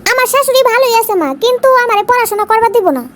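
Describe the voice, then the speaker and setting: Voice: fairly even intonation, very fast, background noise. A performer voicing a young bride in a cartoon who pleads to continue her studies. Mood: sad. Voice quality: high squeaky cartoon pitch. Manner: pleading and complaining. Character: young bride eager to study. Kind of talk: cartoon voice acting.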